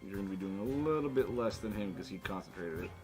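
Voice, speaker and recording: A man with a low, darkish voice talks fast as game master of a tabletop role-playing game. He narrates casually and informally, swearing now and then, with music playing behind him.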